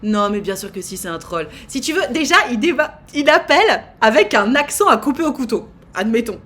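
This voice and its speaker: A woman's voice: fairly high pitch, very animated, a little fast, a bit bright. A woman in her thirties hosting a live stream, chatting casually in a teasing way with lots of fillers. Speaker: streamer host.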